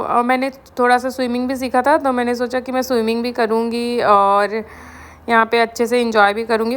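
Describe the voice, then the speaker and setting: A woman's voice: on the high side, a bit bright. Chatty woman narrating a family vlog. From India. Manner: chatty and storytelling, mixes English words into Hindi. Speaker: family vlogger. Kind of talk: casual vlog voice-over narration.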